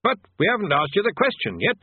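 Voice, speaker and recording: A man's voice: high voice, wildly swooping pitch, fast talker, slightly rough, pitched above the performer's own voice, full character voice. A man voicing a nervous, deferential older male wizard in a fantasy audiobook, hesitant and polite. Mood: flustered. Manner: flustered, hesitant, stammering politeness. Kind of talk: audiobook character voice in comic fantasy. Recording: band-limited, phone-like audio.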